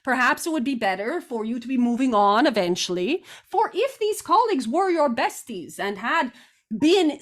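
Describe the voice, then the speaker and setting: High-voiced woman speaking as a seance medium. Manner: formal, deliberate, stilted phrasing, speaking as a plural "we". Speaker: trance channeler giving guidance. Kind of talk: seance medium channeled guidance session.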